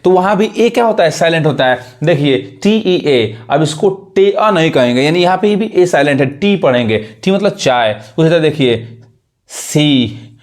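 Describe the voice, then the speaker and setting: A man's voice: a little high, expressive, normal speed. A man teaching English pronunciation, repeating words and asking his students rhetorical questions. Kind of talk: explanatory teaching.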